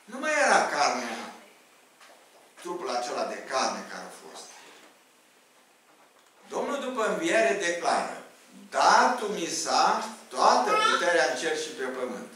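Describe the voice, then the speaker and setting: A man's voice: fairly high pitch, long pauses. A man preaching a sermon in a church meeting hall, reading Bible passages and asking the congregation questions. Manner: lively, asks the congregation questions. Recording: echoey hall, distant mic, noisy.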